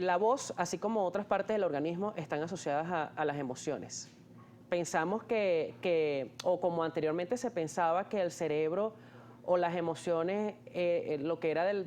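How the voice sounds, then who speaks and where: During an interview, an ear, nose and throat doctor with a high-pitched, somewhat mellow voice patiently explains terms, frequently restarting sentences with fillers in a hesitant manner. A little hiss or hum is present.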